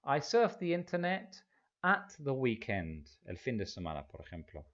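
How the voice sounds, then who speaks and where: A man teaching a language lesson, patiently drilling example phrases and repeating them slowly. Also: medium pitch, wildly swooping pitch, muffled recording. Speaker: English teacher. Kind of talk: language lesson explaining in Spanish.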